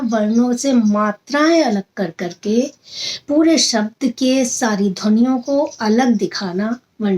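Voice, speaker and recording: A woman giving a slow, patient Hindi grammar lesson, drilling sounds aloud and mixing in English words. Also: a little high, a little mellow, low-quality recording. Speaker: Hindi and Sanskrit teacher.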